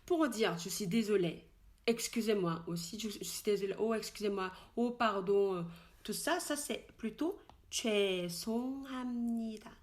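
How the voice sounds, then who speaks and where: A woman teaches in French with frequent fillers and restarts. She slowly repeats each expression several times so it can be copied. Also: mid-range voice. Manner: slow, repeated model pronunciations of Korean words. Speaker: Korean language teacher. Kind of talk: casual spoken language lesson.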